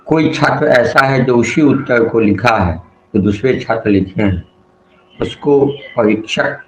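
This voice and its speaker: A man teaching Hindi grammar in a measured, explanatory way. He slows down to stress example sentences and mixes English words into his talk. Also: mid-range voice. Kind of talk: explanatory lesson. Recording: echoey room, dull lo-fi sound with faint noise.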